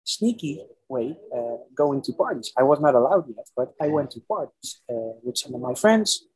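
A Dutch man in his forties, speaking English as a second language with a Dutch accent, recounts his musical past as an interview guest. His mid-range voice is very animated, darkish and slightly rough, at a moderate pace, and he often repeats words while searching for them, all over poor audio.

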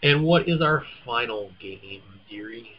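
A husky-voiced man chats playfully and teases his co-host as he reads out game descriptions. His pitch sits in the middle of the range. The recording is dull and lo-fi. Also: animated, normal speed. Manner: playful, teasing. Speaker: podcast co-host. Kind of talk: casual chat, reading game blurbs.

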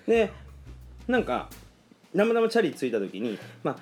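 A man casually telling a funny story on a podcast, animated, acting out quoted lines and laughing often. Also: fairly high pitch, moderate pace.

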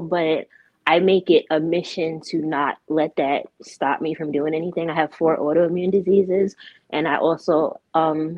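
Young woman guest, outspoken and candid, lowish voice, dull lo-fi sound. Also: a little mellow, no room sound. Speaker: guest, artist. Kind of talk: casual interview. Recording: dull lo-fi recording.

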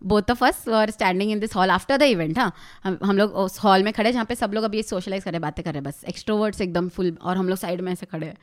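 A young woman in her twenties, a rapper guest on a podcast, telling a story in an animated, laughing way. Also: mid-range voice, fairly quick, hardly any pauses. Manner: animated, laughs often, mixes Hindi and English. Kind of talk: casual storytelling chat.

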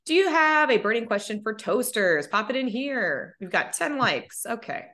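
A woman's voice: on the high side, big pitch swings, moderate pace, sharp tone. A woman hosting a casual podcast chat, chatty and laughing easily. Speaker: podcast host.

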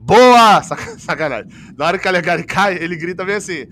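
A man's voice: high voice, racing, bright, forceful tone. A man hosting a casual football chat, talking at length and restarting his sentences often. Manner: talkative, explains at length with many restarts. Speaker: football podcast host.

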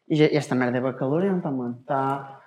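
A man's voice: mid-range voice, moderate pace, reverberant. Young Portuguese guy telling stories. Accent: European Portuguese. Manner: animated storytelling with sound effects and slang. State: leg in a cast. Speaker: podcast co-host. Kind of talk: casual chat.

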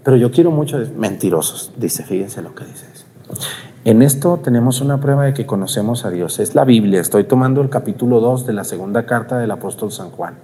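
A male priest with a Mexican Spanish accent preaching a lively, scolding sermon, acting out his parishioners' voices. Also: lowish voice, a little fast, long reverb tail. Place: church.

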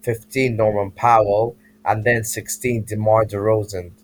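A young man co-hosting a casual sports chat, speaking in a dry, measured way. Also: fairly low pitch, flat delivery, a little hiss or hum, low-quality recording. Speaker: podcast co-host.

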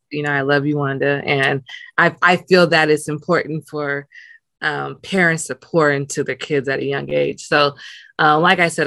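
Gravelly bright-voiced woman, earnest guest. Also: sits low, no room sound. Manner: earnest, repeats words while searching for them. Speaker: interview guest, nonprofit worker. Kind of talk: casual interview conversation.

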